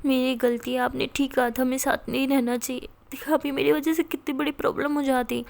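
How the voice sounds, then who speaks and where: A woman's voice: high voice, little pitch movement, fairly quick, creaky, a little mellow. Timid, shaky-voiced young student girl, read by a woman storyteller. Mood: tearful. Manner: shaky, apologetic, hesitant. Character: young female college student, timid and tearful.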